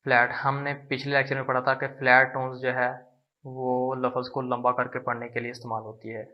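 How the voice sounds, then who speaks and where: A man teaching a language lesson, explaining slowly and patiently and repeating syllables to demonstrate them. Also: medium pitch, completely flat delivery, lo-fi sound. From Pakistan.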